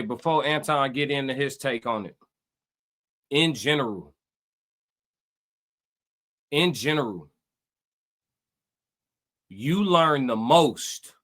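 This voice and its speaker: A man's voice: mid-range voice, fairly bright tone. A man hosting a live reaction stream, talking to his chat and giving emphatic life advice. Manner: preachy, emphatic, talks to chat.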